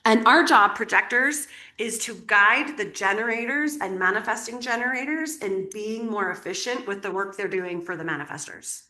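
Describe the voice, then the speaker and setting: A woman's voice: mid-range voice, moderate pace, sharp tone. A woman teaching a small group in a casual, chatty way, laughing often and using many fillers. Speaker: workshop teacher. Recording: echoey room.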